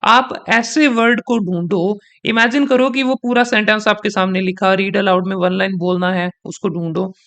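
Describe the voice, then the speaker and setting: A young male trainer teaching an online lesson, his voice sitting high for a man. He explains in an easy, patient way and repeats example sentences slowly to show where the stress falls. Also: fairly even intonation, bright, forceful tone. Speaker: exam coaching trainer. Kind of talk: teaching in Hindi mixed with English.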